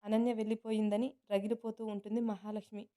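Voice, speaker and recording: A woman storyteller narrating a scripted family drama in an even, unhurried manner. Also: medium pitch.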